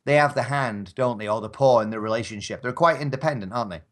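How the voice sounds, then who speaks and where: A man who performs in audio dramas chats casually as a podcast guest, polite and hesitant, often restarting his phrases. He talks fast at a medium pitch.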